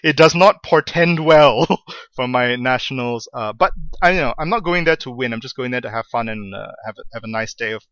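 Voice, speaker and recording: A man's voice: mid-range voice, fairly quick, a bit bright, no room sound, muffled recording. A man chatting as a podcast guest, self-deprecating and laughing often. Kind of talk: casual chat.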